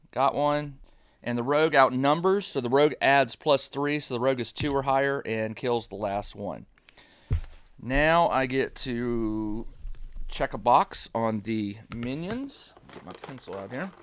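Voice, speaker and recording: A man's voice: mid-range voice, clean tone. A middle-aged man casually narrating a solo tabletop dungeon game, explaining each dice roll step by step in a chatty way. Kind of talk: casual play-through narration. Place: home gaming room with motion sensor lights.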